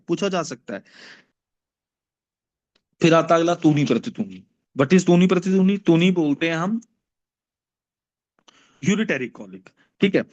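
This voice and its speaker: Lively high-voiced man lecturing. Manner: recites Sanskrit verses then explains in mixed Hindi and English; asks the class questions and answers them himself. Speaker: Ayurveda teacher. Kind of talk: classroom lecture. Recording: dull lo-fi recording.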